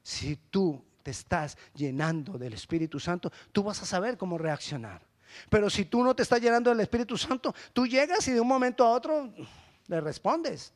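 Male pastor, sermon, high voice, animated, loud emphatic peaks, middle-aged. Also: normal speed. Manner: acts out quoted church members.

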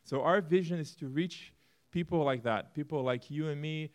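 In a fairly high voice at a moderate pace, this Brazilian man pitches his church-plant plans to the congregation. His Brazilian Portuguese accent comes through as he talks earnestly and with animation, now and then poking fun at himself.

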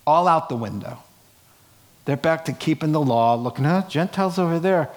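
A man with a somewhat high-pitched voice and a Brooklyn accent delivers a Bible-teaching sermon. He talks conversationally yet emphatically, often voicing imagined exchanges as asides. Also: lively intonation, normal speed. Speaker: preacher.

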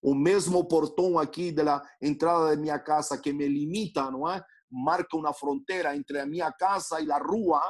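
A middle-aged male pastor preaching. His voice sits a little high for a man. He teaches steadily and keeps turning to the listener with little check-in questions. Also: steady tone, moderate pace. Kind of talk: sermon.

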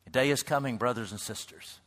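A man preaching a sermon to a congregation, swinging between loud calls and near-whispered lines. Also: mid-range voice, fairly quick. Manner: builds to loud shouts, then drops to a hush. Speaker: pastor. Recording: reverberant hall.

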